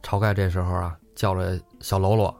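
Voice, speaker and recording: A man's voice: deep voice, level tone, fairly quick, vocal fry, a little mellow, faint music behind. A man hosting a casual storytelling podcast, chatty and laughing often as he acts out the characters. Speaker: host storyteller.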